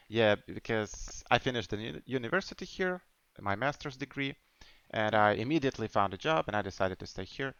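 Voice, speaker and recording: A man's voice: fairly low pitch, animated, a little fast, a bit bright, smooth, no echo, lo-fi sound. A man in his twenties from Ukraine, in English, hosting a casual podcast chat. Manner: chatty, nonnative English with restarts. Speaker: podcast host.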